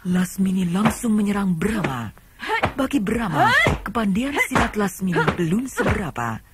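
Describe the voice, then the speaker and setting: A woman's voice: mid-range voice, very animated, moderate pace. A woman narrating an old radio drama in a dramatic storytelling manner, heard from an old radio play recording. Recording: old tape with loud hiss.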